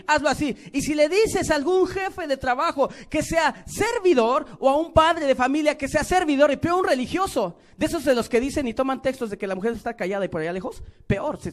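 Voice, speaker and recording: A man with a Mexican accent preaching a sermon, moving between loud emphatic lines and quiet asides, acting out little dialogues. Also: extremely high pitch. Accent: Mexican Spanish.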